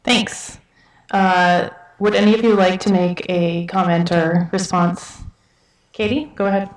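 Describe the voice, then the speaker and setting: Brisk woman moderator, echoey hall. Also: on the low side, fairly even intonation. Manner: brief, brisk cues. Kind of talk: forum moderating. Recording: echoey hall, mic from far off.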